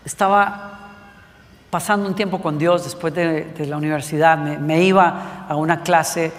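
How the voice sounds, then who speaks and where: High-voiced young man preaching in hall. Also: steady tone, moderate pace. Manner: emphatic, addresses listeners directly with rising and falling force. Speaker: worship leader preaching. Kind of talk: sermon.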